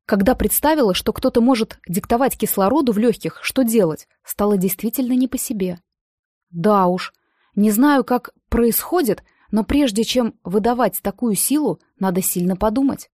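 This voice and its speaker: A woman narrating a first-person audiobook with an even storytelling delivery. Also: fairly high pitch, moderate pace, dry recording, clean studio sound.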